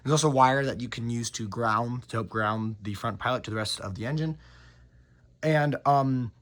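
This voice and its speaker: A man with a scratchy, hoarse voice, giving an enthusiastic casual review of a model train and stumbling over his words now and then. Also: medium pitch, normal speed, a bit bright. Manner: enthusiastic, with frequent fillers and restarts.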